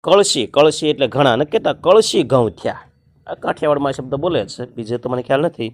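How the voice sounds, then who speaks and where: A man with a medium-pitched voice teaches an exam-prep grammar lesson, going through word meanings one at a time and now and then chanting a verse slowly. There's no echo.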